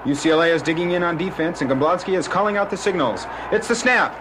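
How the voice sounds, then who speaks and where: A man playing an excited old-style radio announcer giving dramatic football play-by-play in a radio comedy sketch. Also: sits high, quick pace, close to an everyday voice. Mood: announcing, building. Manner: breathless, dramatic build-up. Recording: clearly noisy radio skit recording.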